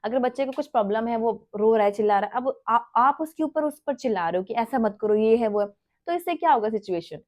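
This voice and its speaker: A woman's voice: on the high side, darkish tone, dry recording. A young woman, a mother, giving earnest parenting advice in a casual talk, mixing English phrases in and checking in with "right?". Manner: earnest, mixes English phrases into Hindi, many rhetorical "right?". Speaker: parenting vlogger.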